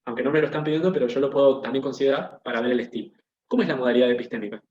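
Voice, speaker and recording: A male teacher lectures over a video call, explaining each point patiently and pausing to check that the class is following. His voice sits in the middle range and comes through a computer microphone, with a roomy echo and dull lo-fi audio. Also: medium pitch, a little mellow.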